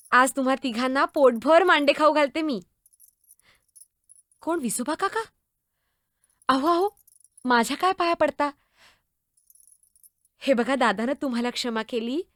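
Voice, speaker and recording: A woman performing a one-woman stage drama, playing a spirited young girl saint who is devoted to her brothers, blunt and sharp-tongued, pleading and expressive as she speaks to people who are not there. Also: high voice, no room sound, studio quality.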